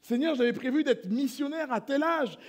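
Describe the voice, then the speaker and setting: A man pastor preaching a sermon in church, moving between hushed prayerful passages and loud impassioned appeals. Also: very high-pitched, normal speed.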